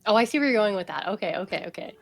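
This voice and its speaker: A woman's voice: mid-range voice, animated, very fast, vocal fry, soft background music. A woman talking casually as a guest on a stream. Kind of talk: casual chat.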